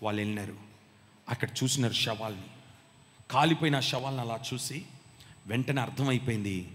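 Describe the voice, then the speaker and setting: A man's voice: mid-range voice, fairly quick, fairly bright tone. A man preaching a sermon in a church hall, emphatic and calling the congregation to respond aloud. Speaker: pastor. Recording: long hall reverb.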